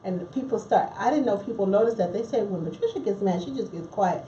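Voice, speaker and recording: A woman's voice: medium pitch, lively intonation, a little fast, dark tone, a little hiss or hum. A married woman chatting casually and reflecting, laughing easily as she talks. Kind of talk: casual chat. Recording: distant, roomy, dull with faint ambience.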